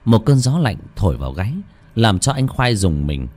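Male horror narrator: low, dramatic, suspenseful, very expressive. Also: moderate pace. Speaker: storyteller. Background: faint music.

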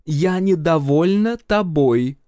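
Imperious dream goddess, sneering and sarcastic, high and dry, put on by a male reader. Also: expressive, slow pace, mellow, clear, resonant tone, no room sound. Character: haughty scornful female goddess of dreams. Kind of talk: audiobook character voice.

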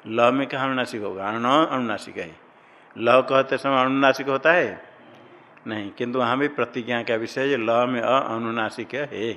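शिक्षक पुरुष, गूंजते हॉल में व्याख्यान. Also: male voice, medium pitch, fairly even intonation, normal speed, sharp tone. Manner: explains by asking and answering his own questions, has students recite. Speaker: Sanskrit grammar teacher. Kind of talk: classroom lecture. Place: classroom with students. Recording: long hall reverb.

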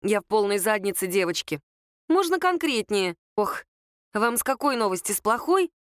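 A woman's voice: mid-range voice, big pitch swings, normal speed, smooth, no room sound, clean studio sound, natural voice. A woman reading a gloomy, self-pitying young woman student who complains sulkily and sarcastically in an audiobook. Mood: despairing.

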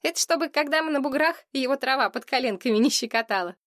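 A bossy young girl who always knows best, read by a woman in a storybook. Her voice is high and pointed, recorded close and dry. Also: fast talker, fairly bright tone, dry recording. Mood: eager.

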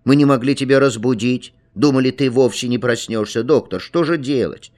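A man's voice: mid-range voice, normal speed, a little mellow, lightly acted. A man voicing a worried mother fussing over her feverish son in a children's story. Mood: alarmed. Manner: fussing, alarmed. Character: anxious mother at a sick child's bed.

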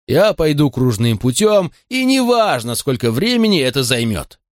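A man's voice: on the high side, very animated, normal speed, dry recording, studio quality, voice pushed up. A man voicing a grumbling, suspicious frontier deputy who makes threats, in a story reading.

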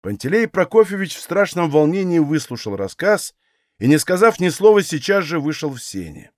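A man narrates a classic novel at a measured, steady pace. His voice sits fairly high for a man. The recording is dry and close, with no room sound. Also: no echo. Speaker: audiobook reader. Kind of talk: literary audiobook narration.

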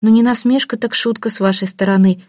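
A woman's voice: a little high, fairly even intonation, fast, darkish tone, no room sound, clean studio sound, natural voice. A woman voicing a poor, proud young orphan woman who talks in a flustered, pleading way. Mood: hurt. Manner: pleading, flustered, self-deprecating.

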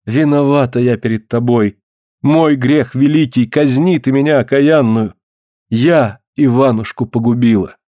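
A pleading, guilt-stricken noblewoman from old Russia, as a male reader puts her on, hushed and archaic in her speech. The voice is dark and mellow. It sounds dry and close, like a storybook reading. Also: medium pitch, unhurried, no room sound, natural voice. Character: grieving guilt-stricken old-Russian boyar's wife, middle-aged woman. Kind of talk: audiobook reading.

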